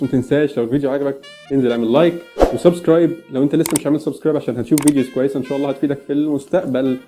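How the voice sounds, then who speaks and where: A man's voice: a little high, dark tone. A man with an Egyptian accent giving a casual English pronunciation lesson, chatty and joking as he talks straight to the viewer. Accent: Egyptian Arabic.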